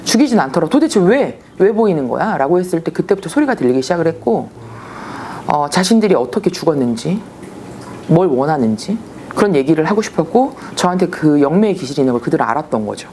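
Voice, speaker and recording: A woman, a shaman, telling stories in a casual, animated way and acting out the voices she quotes. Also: deep voice, fast, slight background noise. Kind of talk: casual storytelling.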